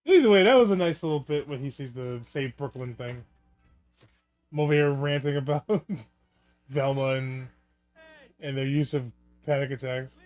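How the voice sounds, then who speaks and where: A man's voice: medium pitch, moderate pace, pauses often, a little mellow. A man giving casual, rambling and joking film commentary, with some swearing. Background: film soundtrack music.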